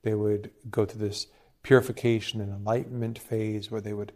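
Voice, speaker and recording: A man's voice: fairly low pitch, little pitch movement, normal speed, darkish tone. A man who is a monsignor hosting a podcast, teasing his co-host dryly and explaining church practice reflectively. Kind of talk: casual conversational podcast.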